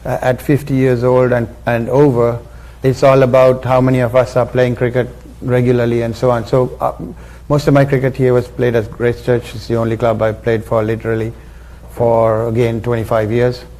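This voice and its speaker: A man speaks at a press conference in a measured, reflective way, with many pauses and fillers. His mid-range voice stays flat and even throughout. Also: mid-range voice. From Sri Lanka. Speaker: former international cricketer.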